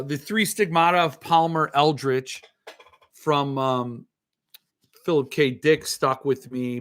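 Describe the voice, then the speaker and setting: A male host with a slightly high voice talks in a loose, rambling way. His s sounds come out slushy with a lisp. He thinks aloud, hesitating and wandering into asides. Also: a bit bright, clean tone. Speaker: host of a book-collecting show. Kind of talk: casual rambling chat.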